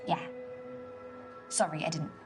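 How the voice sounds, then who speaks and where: A woman's voice: music in the background, close to an everyday voice. A woman playing a teasing British date. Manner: teasing, with quick whispered asides.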